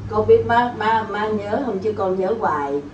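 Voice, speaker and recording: A woman host reminiscing in quick, chatty conversation. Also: medium pitch, expressive. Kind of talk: casual storytelling chat. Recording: echoey room, distant mic, noise.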